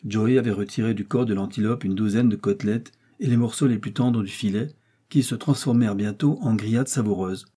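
A man reading a classic adventure novel aloud as audiobook narrator, in an even, steady storytelling way. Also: fairly low pitch, brisk, husky. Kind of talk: scripted narration.

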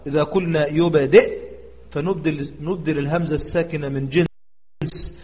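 A man with an Egyptian accent teaching a recitation lesson, quizzing his students and drawing out example words slowly. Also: fairly high pitch, fairly even intonation, a little mellow. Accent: Egyptian Arabic. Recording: echoey, dull lo-fi audio.

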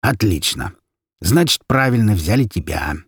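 A man's voice: fairly low pitch, sing-song, a little slow, slightly rough, dry recording, clean studio sound, full character voice. A man voicing a crude, threatening gangster who curses as he questions a captive. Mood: menacing. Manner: coarse, threatening, cursing. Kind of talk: audiobook character voice.

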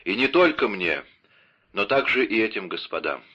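A man reading the part of a bold, quick young guardsman in an audiobook, speaking with earnest urgency. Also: lowish voice, expressive, breathy edge. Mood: grave. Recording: dull lo-fi audio.

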